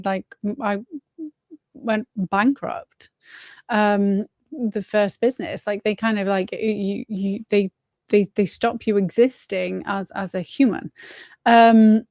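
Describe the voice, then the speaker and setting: A woman's voice: mid-range voice, a little mellow, no room sound, clean studio sound. A woman from England, hosting a live stream in a rambling, casual way, swearing often and asking "right?" after her points. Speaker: host.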